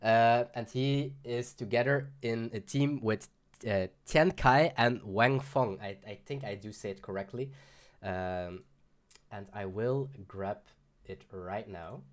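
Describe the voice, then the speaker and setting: A man's voice: on the low side, slow. A young man casually commentating a card game livestream, rambling with fillers and laughs.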